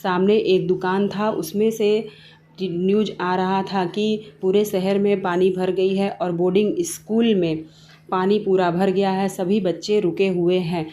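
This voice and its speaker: A woman's voice: medium pitch, little pitch movement, unhurried, warm tone, slight background noise. A woman narrating a family moral story in a plain, simple storytelling way.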